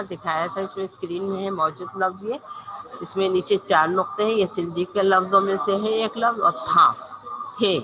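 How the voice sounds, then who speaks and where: A woman's voice: mid-range voice, noisy background. A woman teacher giving an online language lesson, patiently spelling out and repeating each letter.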